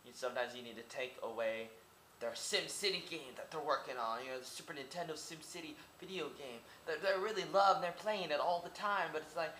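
A young man from Oregon, United States, vlogs in a small room, rambling at a fairly quick clip into a nearby webcam, repeating himself and tossing out rhetorical questions. His slightly high voice is bright and forceful. The recording is reverberant with a faint hiss or hum.

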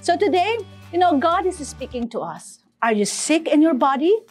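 A woman's voice: high voice, sing-song, normal speed, soft background music. A Filipino woman pastor giving a devotional sermon broadcast, peppering her talk with "you know" and "no?" tags. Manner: code-switches, many "you know" and "no?" tags.

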